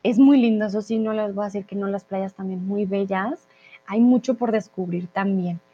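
A woman from Colombia teaching Spanish in a live online class, reading out viewer comments and slowly stressing key words. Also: mid-range voice, steady tone, warm tone, lo-fi sound. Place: Mexico.

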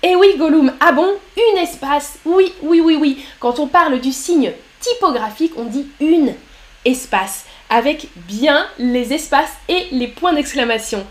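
Upbeat high-voiced woman teacher. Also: expressive, measured pace. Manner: upbeat, reads out viewers' messages and corrects punctuation. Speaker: French teacher streaming live. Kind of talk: live-streamed language lesson reading chat.

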